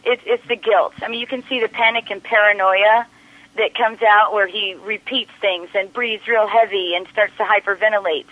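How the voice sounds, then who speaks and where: A woman's voice: medium pitch, steady tone, normal speed, no room sound. Earnest woman guest on lo-fi radio. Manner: earnest, restarts words, reflective. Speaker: radio guest sharing her story. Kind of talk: personal account in a radio interview. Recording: dry, dull lo-fi radio audio.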